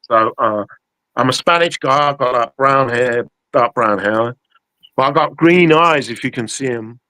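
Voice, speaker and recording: A man's voice: mid-range voice, a little slow, bright, forceful tone, no room sound, low-quality recording. A man, a guest on a live-streamed interview over a video call. He rambles and stammers, often repeating his opening words. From England.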